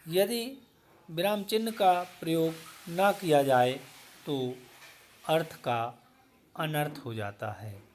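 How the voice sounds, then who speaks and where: A middle-aged man from India, a teacher giving a grammar lesson, speaking slowly and deliberately in short phrases. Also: fairly high pitch, a little mellow, a little hiss or hum.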